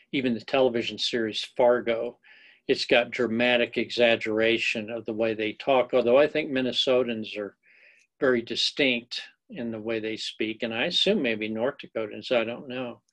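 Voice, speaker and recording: A man's voice: medium pitch, a bit bright. A male instructor talks through a recorded course lecture in a folksy, rambling way. He stops often on fillers, restarts his sentences, and pokes fun at himself. His voice sits in an ordinary middle range. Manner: rambling, folksy, self-deprecating, with many fillers.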